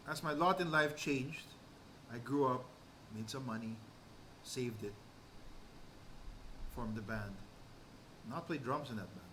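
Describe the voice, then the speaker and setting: On a low-quality recording full of audible background noise and room ambience, a man gives a relaxed drum kit tour and swaps stories for his music vlog. His mid-range voice sounds pushed and bright, and he meanders, frequently repeating or correcting himself.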